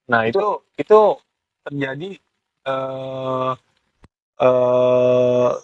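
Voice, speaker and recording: A young man with a Jakarta accent chats casually in a medium-pitched voice. He explains step by step, halting as he searches for the right word. The sound is dry and close, with no room echo. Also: little pitch movement, lo-fi sound. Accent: Jakarta Indonesian. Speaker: ghost photographer being interviewed.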